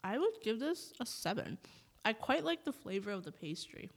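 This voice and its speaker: A woman's voice: fairly high pitch, big pitch swings, moderate pace. A young adult woman casually reviewing food as host while tasting, speaking informally and hesitantly with many "likes". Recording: echoey room with long reverb.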